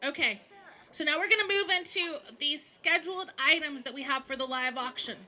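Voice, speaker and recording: A woman auctioneer with a high, bright voice runs a live charity auction. She rolls the bids out in a steady, repetitive chant. Her calls keep the room moving. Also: a little fast, low-quality recording. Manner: rhythmic repetitive bid chant.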